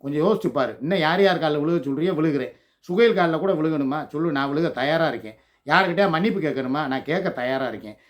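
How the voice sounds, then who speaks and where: An older man with a high, raised voice talks straight to his viewers in an emotional vlog rant. He moves from scolding to pleading, loud and worked up throughout. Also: quick pace. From Tamil Nadu, India. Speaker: channel host.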